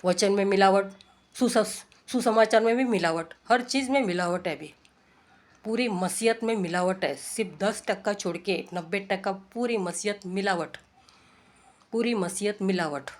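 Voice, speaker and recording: A woman's voice: medium pitch, a little slow. Woman preaching, earnest and pushy, keeps asking "right?" like a home sermon. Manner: earnest, exhorting, with repeated rhetorical questions. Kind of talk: informal sermon.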